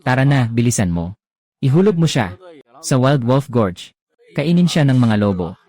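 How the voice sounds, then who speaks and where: A man's voice: medium pitch, very animated, normal speed, dark tone. A man voicing a cruel, scheming middle-aged aunt in a drama recap voice-over, with scornful, mocking speech.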